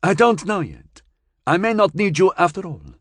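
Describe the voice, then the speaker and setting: A male narrator voicing a calm, formal and dryly ironic living starship. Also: high voice, normal speed, no room sound, studio quality, pitched above the performer's own voice. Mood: cool.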